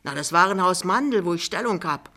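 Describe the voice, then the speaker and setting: A woman's voice: on the low side, expressive, a little fast, sharp tone. A woman reading an audiobook, voicing a grumbling young clerk, the husband.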